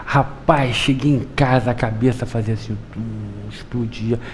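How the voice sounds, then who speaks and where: A man's voice: normal speed, faint music behind. A middle-aged man giving a Spiritist public lecture, telling folksy stories and often asking the audience to agree. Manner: lively storytelling with wide pitch swings.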